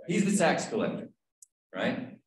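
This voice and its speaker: A man's voice: mid-range voice, sing-song, measured pace. Man, Bible study teacher, conversational, quizzes group, video call, very echoey room. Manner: conversational, asks the group questions, frequent "right?".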